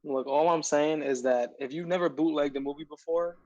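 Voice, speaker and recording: A man's voice: a little high, steady tone, brisk, a little mellow, no room sound, dull audio. A man co-hosting a podcast in casual chat, joking and laughing as he talks over voice chat. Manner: joking, laughs while talking. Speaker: podcast co-host.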